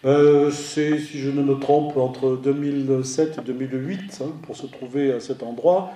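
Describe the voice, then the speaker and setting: A man's voice: medium pitch, fairly even intonation, measured pace, mellow, reverberant. A man giving a slide lecture on art and photography, who trails off, corrects himself mid-sentence and drops dry humorous asides.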